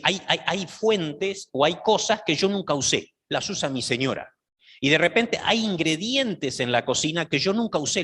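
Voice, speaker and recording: Middle-aged pastor, bright and fairly high-pitched, preaching with rhetorical questions; long hall reverb. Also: male voice. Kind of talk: sermon.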